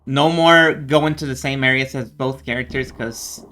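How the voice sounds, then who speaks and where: A man's voice: mid-range voice, fairly even intonation, normal speed, bright, forceful tone. A man giving casual video game commentary as a streamer, informal and reacting off the cuff.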